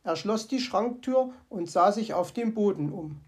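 A woman narrating a children's story in a calm, measured way. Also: mid-range voice.

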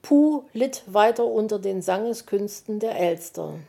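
Woman reading a kids' story, slow and mellow. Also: expressive, creaky. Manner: slow, gentle reading that jumps into higher voices for the animal characters.

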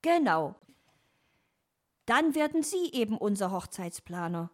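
A woman's voice: fairly high pitch, animated, a little slow, pitched above the performer's own voice. A woman doing an earnest young male apprentice. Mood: excited.

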